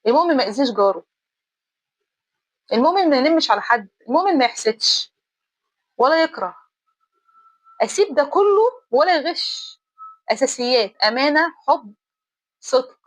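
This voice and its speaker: A woman's voice: high-pitched, no room sound. A woman with an Egyptian accent, giving a blunt, emphatic opinion monologue full of rhetorical questions. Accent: Egyptian Arabic. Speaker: vlogger.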